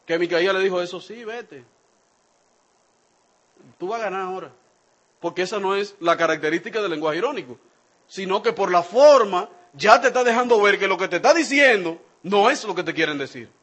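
A man's voice: sits high, fast, breathy edge. A man preaching a sermon, addressing the congregation directly and acting out the people he quotes with shifting voices. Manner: animated, acts out quoted speech with shifting voices.

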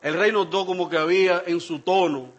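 Preacher guy, pretty high voice, lively, talks straight to the congregation. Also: brisk, muffled recording. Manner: animated, acts out quoted speech with shifting voices; addresses the congregation directly. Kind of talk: sermon.

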